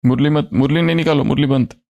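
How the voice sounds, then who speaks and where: A man's voice: a little high, fairly even intonation, fast, vocal fry, mellow, lo-fi sound. A man leading a spiritual study class, quizzing the group with questions and repeating their answers.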